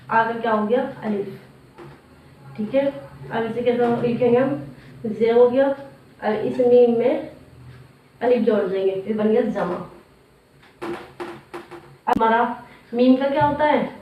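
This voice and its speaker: Patient woman tutor, self-quizzing delivery; boomy room, off-mic, lo-fi. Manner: asks and answers her own questions, repeats each step. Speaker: Urdu script teacher. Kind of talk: step-by-step writing lesson. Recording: roomy, distant, dull lo-fi sound.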